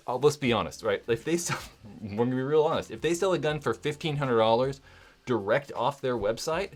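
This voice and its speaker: A man with a mid-range voice hosts a casual livestream from home. He rambles candidly, sprinkles in "like" and "right?", and swears now and then.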